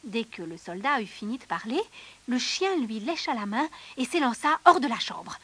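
A woman narrating a fairy tale in an expressive storybook manner, dropping to hushed tones and rising for drama. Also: fairly high pitch, moderate pace.

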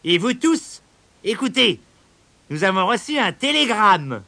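A man's voice: sits high, big pitch swings, measured pace, vocal fry, pushed and bright, dry recording, voice pushed up, full character voice. A man voicing a male reindeer in a storybook, plaintive and speaking with grandeur. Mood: lordly. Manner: plaintive, then lordly.

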